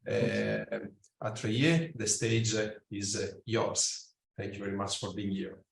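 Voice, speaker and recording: Session chair heard on a video call: man, gravelly voice, hesitant delivery, distant mic with light background noise. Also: lowish voice, flat delivery, roomy sound. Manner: halting, many fillers, repeated thanks. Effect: heard over a video call. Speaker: session chair moderating questions. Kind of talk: conference Q&A moderation.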